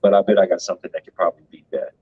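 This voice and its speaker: A man's voice: deep voice, very fast, slightly rough, lo-fi sound. A man co-hosting a finance show, giving casual, emphatic commentary and tagging his points with "right?".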